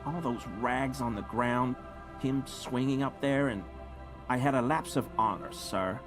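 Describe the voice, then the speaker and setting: A man's voice: medium pitch, a little slow, natural voice. An actor playing a nervous, ashamed male assistant in a video game, speaking apologetically. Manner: apologetic, sheepish. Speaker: game character. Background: game music.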